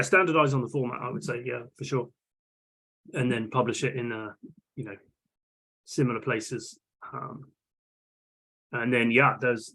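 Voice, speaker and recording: Leading a vulnerability management working group, a man talks casually in an online technical meeting on a video call, hesitant and full of restarts and fillers. His mid-range voice is fairly bright and slightly rough, and the recording is rough.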